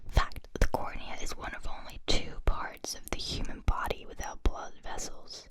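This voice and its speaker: Whispering European woman, ASMR up close. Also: normal speed. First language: not English. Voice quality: breathy, unvoiced whisper. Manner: chatty, rambling, self-interrupting. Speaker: ASMR host. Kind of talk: whispered ASMR, reading and commenting on facts. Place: small indoor room set up as a studio. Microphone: pair of close studio condenser microphones.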